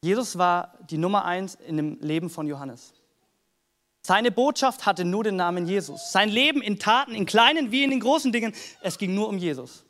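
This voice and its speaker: Pastor, male, high-pitched, earnest, chatty preaching. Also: moderate pace, fairly bright tone. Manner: earnest, conversational preaching with Bible readings. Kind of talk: sermon.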